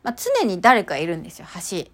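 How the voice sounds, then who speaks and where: A woman talking casually and chattily about her walks and inner experiences, with many fillers and sudden excited outbursts. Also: quick pace. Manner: chatty, animated, bursts into high excited exclamations; many fillers, lots of sentence-final さ. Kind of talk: casual spiritual chat.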